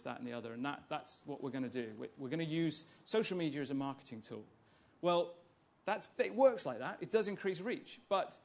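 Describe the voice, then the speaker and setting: Guy giving a conference talk, bit high voice, lots of ums and rhetorical questions. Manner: fluent but full of ums and restarts, asks rhetorical questions. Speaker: conference speaker on broadcaster social media.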